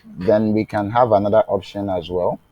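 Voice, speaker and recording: A man with a fairly low pitch and fairly even intonation teaches coding live to a remote class, recorded dry and lo-fi. Slow and deliberate, with fillers and restarts, he keeps asking "what?" so students fill in the answer, and checks they're following. Sometimes his voice becomes faint.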